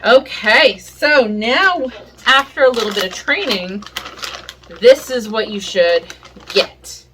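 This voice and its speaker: A woman casually explaining dog training in a home vlog, relaxed and chatty, with plenty of fillers. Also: a little high, takes it slowly, noisy background. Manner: relaxed and chatty, with many fillers and little laughs. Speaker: pet vlogger. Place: home, indoors.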